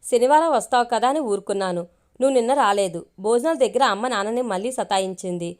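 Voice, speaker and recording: A woman's voice: a little high, fast, darkish tone, lightly acted. A woman reading as a teasing young woman in love. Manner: teasing, affectionate.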